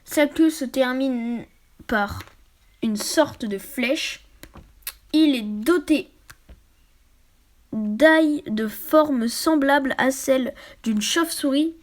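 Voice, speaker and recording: A woman reading a book aloud for her channel. She often trips over words, corrects herself, and drops into quick, quiet asides. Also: high voice. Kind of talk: casual read-aloud with asides.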